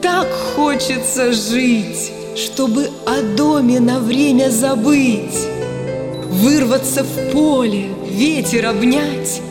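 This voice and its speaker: Female lyrical poetry reader, high voice, drenched in reverb over loud music. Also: takes it slowly. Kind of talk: slow lyrical poetry recital.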